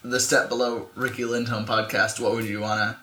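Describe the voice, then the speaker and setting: A man's voice: mid-range voice, level tone, a little fast, pushed and bright. A young man from New York City hosting a podcast, asking questions with dry jokes. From New York City, USA. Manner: dry joking, asks questions. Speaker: podcast host. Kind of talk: casual chat. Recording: echoey room with faint noise.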